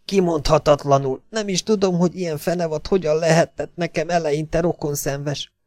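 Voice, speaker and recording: A man's voice: a little high, steady tone, darkish tone, no room sound, pitched above the performer's own voice, close to an everyday voice. A man putting on a proud young woman who hisses her scorn in a lifted, pointed voice. She is indignant and cutting, a storybook heroine on a pulp adventure's pages. The sound is close and dry, with no room around it. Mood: scornful. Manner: hissing, contemptuous retorts. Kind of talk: audiobook character voice.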